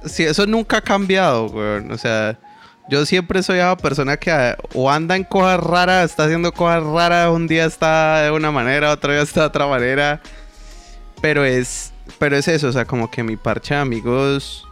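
A man's voice: fairly high pitch, normal speed, fairly bright tone, soft background music. A young man, a podcast guest, talking loosely in slang and poking fun at himself. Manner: loose, slangy, self-mocking. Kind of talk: casual chat.

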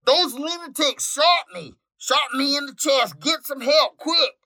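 Give me a man playing a wounded trucker shouting for help over CB radio, high and strained. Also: animated, measured pace, dry recording, studio quality, exaggerated voice. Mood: desperate. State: shot and in pain, yelling.

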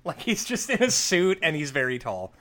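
A man's voice: on the high side, very animated, normal speed, background noise. A man co-hosting a podcast who tells rambling stories in casual chat, full of fillers and restarts. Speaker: podcast co-host.

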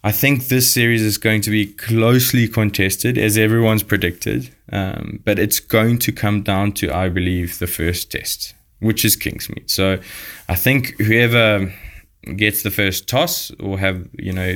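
A man's voice: on the low side, fairly bright tone. A man giving a casual, rambling cricket preview, hesitant and full of fillers. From South Africa. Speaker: guest cricket commentator. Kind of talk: casual podcast chat.

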